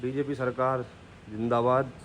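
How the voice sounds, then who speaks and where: A man's voice: mid-range voice, level tone, a little slow, slight background noise. A young man, chatting and joking casually in a vlog. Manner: joking, boastful banter. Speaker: vlogger.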